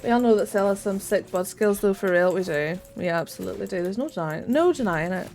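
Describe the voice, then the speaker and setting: A young woman streaming a game, chatting casually, swearing freely and squealing when excited. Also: mid-range voice, fast, faint music behind. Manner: bubbly, swears freely, greets chat warmly. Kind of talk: casual gaming stream chat.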